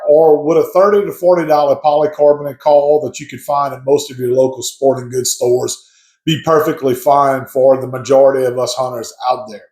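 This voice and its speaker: Man, slightly high voice, roomy echoing recording, casual opinion vlog, conversational and explanatory. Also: darkish tone. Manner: conversational, explanatory, addressing viewers as guys. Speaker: hobby duck hunter giving advice to viewers. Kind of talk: casual opinion talk to camera. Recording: echoey, roomy sound.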